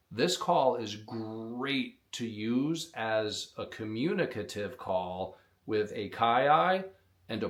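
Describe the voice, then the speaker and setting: A man teaching how to use an open reed predator call, explaining in a plain, practical way. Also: mid-range voice. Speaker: call maker teaching coyote calling. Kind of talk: instructional demonstration.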